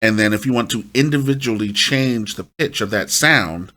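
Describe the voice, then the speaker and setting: A man hosts an informal step-by-step music production tutorial, giving instructions and often checking in with short tag questions. His voice is on the low side at a moderate pace, and the recording is very noisy.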